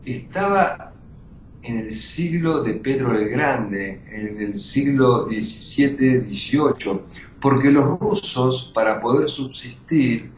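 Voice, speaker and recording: An older man with an Argentine Spanish accent speaks in an emphatic, measured way, often pausing and restarting. His voice sits at a middle pitch. The recording is roomy and dull, with a faint rumble behind him. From born in Austria to Russian parents. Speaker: journalist, interview guest. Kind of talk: interview answers.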